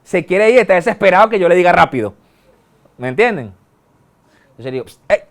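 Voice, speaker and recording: A middle-aged male pastor, preaching a sermon in a conversational way, with colloquial asides and sudden quick bursts. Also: high-pitched, very animated. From Venezuela.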